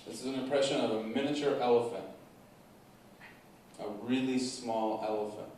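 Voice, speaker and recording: A man doing a stand-up comedy set on a theater stage, telling a story with animated delivery that bursts into loud stretches. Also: medium pitch, moderate pace, a little hiss or hum. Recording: echoey room from far off.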